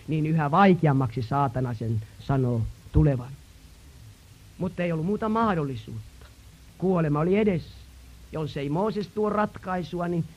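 Impassioned male preacher, lo-fi. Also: on the high side. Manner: impassioned, swings from hushed to shouting. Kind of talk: dramatic sermon storytelling. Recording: dull lo-fi sound.

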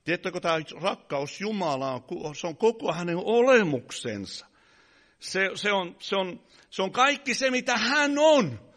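A man preaching an impassioned Pentecostal sermon, often shouting and then dropping to quieter asides. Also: high-pitched, big pitch swings.

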